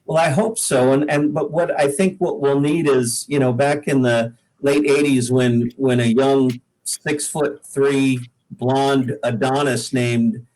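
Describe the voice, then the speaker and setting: Taking it slowly, an American man from the Pacific Northwest, a singer-songwriter, tells modest, folksy stories in a casual interview. His medium-pitched voice is steady and darkish, and the audio is poor.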